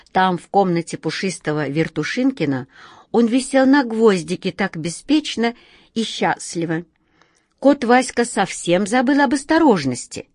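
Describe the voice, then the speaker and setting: A woman's voice: mid-range voice, darkish tone, no room sound, clean studio sound. A woman narrating a children's story expressively, speaking directly to her listeners.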